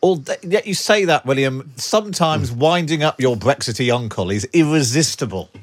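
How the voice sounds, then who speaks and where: A man's voice: on the high side, expressive, normal speed. A man hosting a show, chatting casually and putting questions to his guests. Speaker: host. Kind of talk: casual chat and interviewing.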